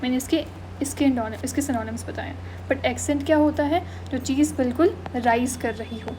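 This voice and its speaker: Explaining vocabulary in an online exam-prep session, this young female teacher switches between Hindi and English, regularly asking "okay," "thik hai," or "done." She speaks in a high, mellow voice a little on the fast side. A slight hiss or hum runs underneath.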